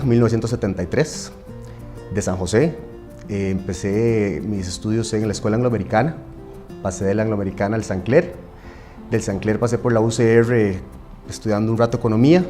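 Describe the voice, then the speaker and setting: A Costa Rican man in his forties recounts a company's history in an easy, conversational way, often checking in with tag questions. His voice is mellow and warm, with faint music playing underneath. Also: fairly low pitch. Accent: Costa Rican Spanish. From Costa Rica. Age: 40s. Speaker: family business executive. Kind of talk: interview, storytelling.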